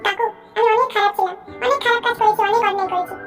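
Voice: very high voice, steady tone, very fast, a bit bright, soft background music. Someone voicing an indignant poor young cartoon drunkard. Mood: earnest. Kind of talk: cartoon voice acting.

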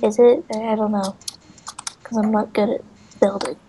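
A woman's voice: mid-range voice, steady tone, moderate pace, warm tone, a little hiss or hum. A woman chatting while she plays a building game, giggly and stammering, her voice getting worn. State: losing her voice. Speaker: Minecraft player. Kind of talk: casual gaming chat.

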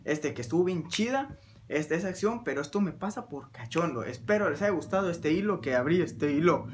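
A man with a Mexican accent telling a comic anecdote in a crude, slangy, animated way. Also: on the high side, a little fast, slight background noise. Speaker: storyteller.

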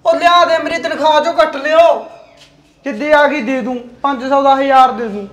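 A man's voice: extremely high pitch, moderate pace, fairly bright tone. A young man acting a jealous, hot-headed son who talks in an insistent, demanding way. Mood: grumbling. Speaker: son and temp worker.

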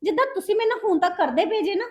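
A woman's voice: extremely high pitch, very fast. An actress playing a young wife who defends herself and argues back at her husband in a family drama skit. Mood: defensive, hurt. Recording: echoey room with faint music.

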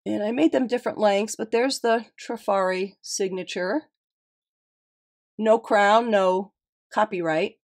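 A woman's voice: mid-range voice, a little slow. A middle-aged woman hosts a casual show-and-tell. Her voice is a little nasal and stuffed up from a cold. She talks in a chatty, appreciative way, often musing aloud as she goes.

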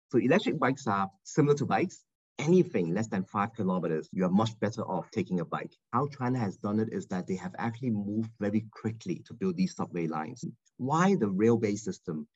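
A man giving a measured, explanatory lecture in a recorded webinar. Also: low voice, husky, dull audio.

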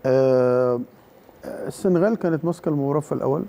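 Gravelly fast Egyptian football analyst man. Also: mid-range voice, warm tone. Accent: Egyptian Arabic. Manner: hesitant, many fillers and restarts. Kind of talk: studio sports analysis.

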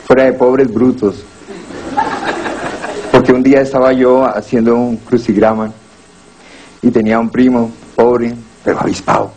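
A Colombian man doing stand-up, telling self-deprecating stories in a deadpan way and acting out the dialogue. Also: mid-range voice, measured pace, pauses often, rough recording. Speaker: stand-up comedian.

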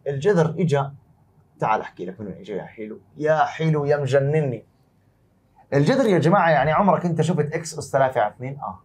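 A man with a Jordanian accent teaching an exam-prep math lesson, warmly calling his students dear and asking and answering his own questions. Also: fairly high pitch, expressive, very fast, breathy edge. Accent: Jordanian Arabic.

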